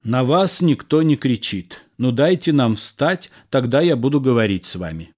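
A man's voice: mid-range voice, expressive, moderate pace, a little mellow, natural voice. A male reader voicing a composed, wry husband who talks through an awkward scene like a patient lecture. There is irony in every turn. It is a spoken storybook reading. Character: calm, wry, reasoning middle-aged husband engineer. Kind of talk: audiobook character reading.

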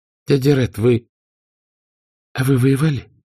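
A man's voice: mid-range voice, steady tone, a little slow, warm tone, husky, pitched above the performer's own voice. A man voicing a shy, unhappy little boy in an audiobook, hesitant and stammering. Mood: timid. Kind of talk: audiobook character voice.

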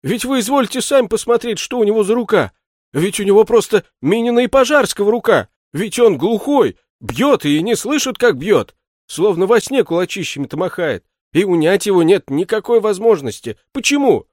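A wailing, self-pitying shoemaker servant as the man reading the story puts him on, pitched well above his narrating voice and loud. He pleads with lively, swooping rises in a dry audiobook sound. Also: normal speed, no echo. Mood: pleading lament. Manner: plaintive, pleading, high and loud. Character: whining put-upon male shoemaker servant.

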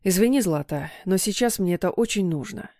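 A woman's voice: mid-range voice, expressive, fairly quick, dark tone, dry recording, studio quality, natural voice. A woman voicing a reserved, commanding young husband in an audiobook, speaking curtly and with restraint. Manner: curt, restrained.

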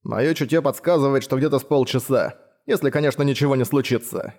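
A man reading an audiobook, voicing a mocking, wheezing talking hand in a hoarse voice. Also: medium pitch, a little fast, a little mellow, natural voice.

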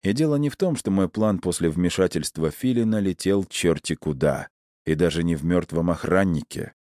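A man narrating a first-person audiobook in a measured, wry storytelling manner on a close studio mic. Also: low-pitched, dark tone, no room sound.

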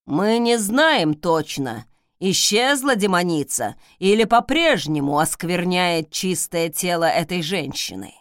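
A woman playing a fervent male priest in an audiobook, intoning his words slowly, low and heavy. He stretches every syllable in a solemn, booming voice. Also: very animated, dry recording, studio quality.

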